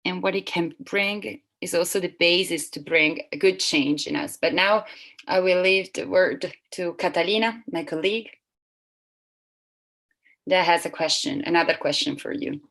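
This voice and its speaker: Halting woman interpreting a seminar live. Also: lowish voice, creaky, a bit bright, rough recording. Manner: halting, with frequent restarts and self-corrections. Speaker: simultaneous interpreter.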